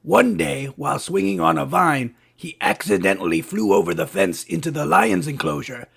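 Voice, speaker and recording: A man voices a scruffy cartoon bat hosting a late-night comedy show, firing off punchy jokes and switching voices for each character. His exaggerated, gravelly, husky delivery sits fairly high and sounds fairly bright at a normal speed, with a cheeky mood throughout this cartoon stand-up.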